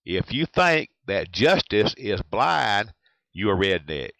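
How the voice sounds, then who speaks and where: A man's voice: fairly low pitch, sing-song, slow pace, gravelly, a bit bright, no echo, poor audio. A man with a Southern US accent delivering a blunt, provocative scripted monologue as an aspiring talk radio host. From USA. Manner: blunt, provocative, list-like repetition.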